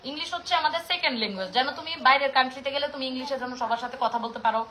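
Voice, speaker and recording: A woman's voice: sits high, very fast, pushed and bright, slight background noise. A woman in her thirties with a Bangladeshi Mymensingh accent, passionately scolding her viewers in a casual rant. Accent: Bangladeshi Bengali, Mymensingh. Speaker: vlogger speaking to her audience.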